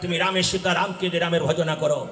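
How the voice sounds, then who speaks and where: A man's voice: a little high, fairly even intonation, fast, a bit bright, lightly acted. A man voicing an earnest, devout young warrior urging his uncle. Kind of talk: folk religious drama recitation. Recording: echoey hall sound.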